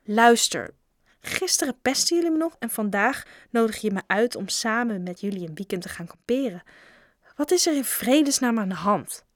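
A woman voicing a boy who grumbles and is fast to say no, reading a storybook aloud. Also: medium pitch, no room sound, close to an everyday voice. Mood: indignant. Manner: sulky, quick to refuse. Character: boy, a complaining friend.

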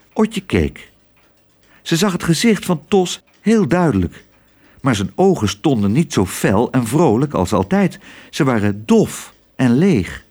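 Expressive man reading a children's story. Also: medium pitch, breathy edge. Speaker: narrator.

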